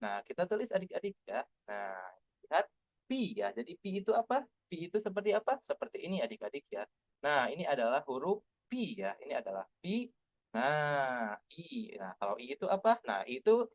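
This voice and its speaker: Young male tutor, patient and coaxing with small kids, lively pitch, dull lo-fi sound. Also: dry recording. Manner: lively, patient, coaxing, spells out letters slowly. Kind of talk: online lesson reviewing test answers for young kids.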